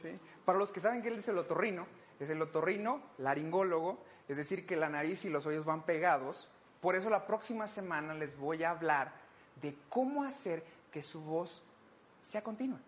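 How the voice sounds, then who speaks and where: A woman's voice: fairly low pitch, lively intonation, moderate pace. A woman with a Mexican accent preaching a conversational sermon, playful and jokey, acting out little scenes for her listeners. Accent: Mexican Spanish.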